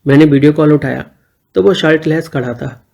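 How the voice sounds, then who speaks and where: A man's voice: on the high side, fairly even intonation, fairly quick, creaky, a little mellow. A young man narrating a first-person story in a plain, conversational way.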